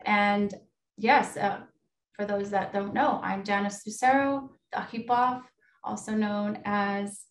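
Woman, 30s, American accent, informal guest talk on a video call, mid pitch, noticeably echoey room. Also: steady tone, measured pace, far from the mic. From Pueblo of Isleta, New Mexico, USA. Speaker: guest speaker. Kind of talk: informal personal talk to an online group. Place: small home room indoors, on a video call.

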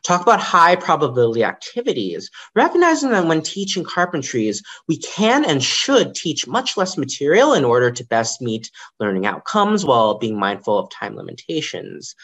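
A man's voice: mid-range voice, breathy edge. A young man, a librarian, giving a prepared lightning talk over a video call, with the occasional um. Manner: lively, varied intonation, occasional ums.

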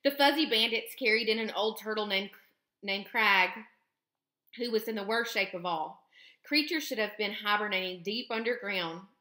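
Woman teacher reading a children's novel aloud, bright and expressive, roomy echo. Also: medium pitch, normal speed. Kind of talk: children's book read-aloud.

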